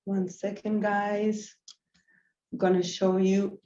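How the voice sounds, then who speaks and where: A Venezuelan woman in her thirties gives a live screen-share design tutorial in an easygoing way, full of ums and self-corrections. Her voice is warm, medium in pitch, level, and slow. She's in a small indoor office on a laptop webcam mic, so the call audio sounds roomy, dull, and lo-fi.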